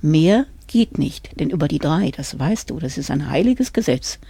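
Feisty old crone who beats death at cards, a woman storyteller puts her on, gravelly dark voice. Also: sits low, animated, normal speed, no room sound, heavily acted. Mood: firm.

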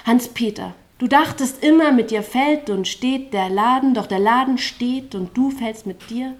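A woman with a slightly high voice performs spoken-word poetry live on stage, without a microphone. Her delivery is rhythmic and chant-like. She breaks into stuttering, repeated refrains. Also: measured pace.

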